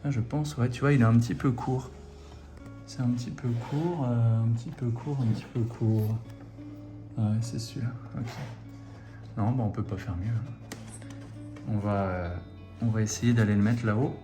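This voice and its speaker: This RC model video host, a French-accented man with a medium-pitched, steady voice, moves at a moderate pace with long pauses as music plays in the background. Recorded in an echoey room, he explains each assembly step in two languages, easygoing and poking fun at himself.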